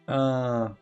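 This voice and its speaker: A man's voice: mid-range voice, darkish tone, clear, resonant tone. A young man from Belarus streaming chess from home, chatting casually and answering his viewers' messages aloud. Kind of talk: casual live-stream chat.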